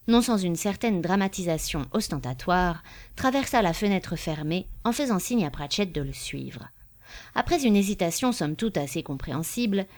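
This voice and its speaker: A woman narrating a story in a measured, expressive reading style. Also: medium pitch.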